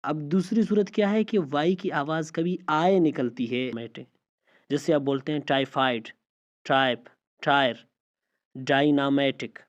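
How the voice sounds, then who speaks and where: A man's voice: a little high, a little mellow. Male teacher, patient, drills example words, muffled lo-fi recording. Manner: slow, repeats example words one by one. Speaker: English teacher. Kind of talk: spoken language lesson. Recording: slightly dull lo-fi audio.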